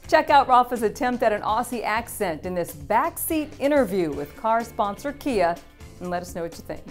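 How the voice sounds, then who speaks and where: A woman's voice: on the high side, lively intonation, normal speed, soft background music. A woman presenting a scripted sports news roundup, upbeat and polished, with light quips between items.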